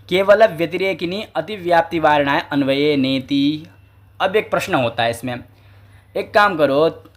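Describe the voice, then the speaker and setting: A man with a slightly high-pitched voice gives a teaching lecture. He keeps asking questions and then answering them himself. Now and then he recites verses in a slow, chanting way. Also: fairly bright tone. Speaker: Sanskrit logic teacher. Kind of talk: explanatory lecture.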